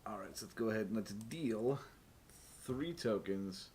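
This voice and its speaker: A somewhat slow, darkish voice on the lower side, with lively intonation, belongs to a man acting as game master for a tabletop role-playing game. His live-streamed narration is casual and jokey, full of free swearing. Clear background noise and keyboard and mouse clicks come through.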